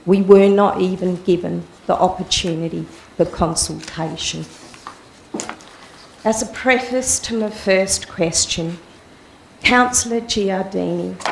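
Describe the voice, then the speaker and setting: Croaky, impassioned woman. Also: mid-range voice. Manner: earnest and impassioned, speaking through a mask. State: croaky voice from a cold. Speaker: resident asking a question at public question time. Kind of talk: prepared public statement. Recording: echoey chamber, faint room hiss.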